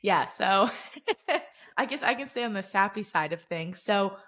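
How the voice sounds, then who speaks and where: A woman's voice: mid-range voice, lively intonation, a little slow, a bit bright. A young woman co-hosting a casual podcast chat, enthusiastic and giggly as she talks. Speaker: podcast co-host.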